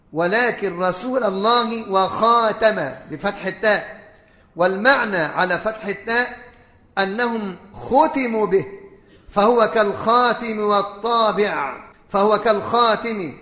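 A man's voice: high voice, sharp tone. A man giving a religious lesson. He explains terms word by word and often repeats them. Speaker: religious teacher. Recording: echoey hall with long reverb.

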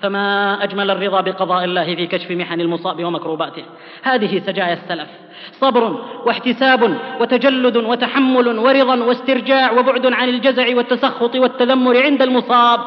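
A man delivers a sermon in a rapid, fervent voice that sits high for a man. He sinks low and soft on the solemn phrases. The sound is dull and carries a long hall reverb. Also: steady tone. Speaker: preacher. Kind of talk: sermon with storytelling.

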